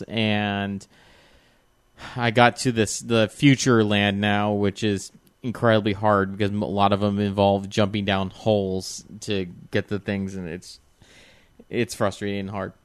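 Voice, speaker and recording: A man co-hosting a gaming podcast, chatting casually in a relaxed, rambling way that trails off at times. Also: lowish voice, clean tone, no room sound. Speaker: podcast co-host. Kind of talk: casual chat.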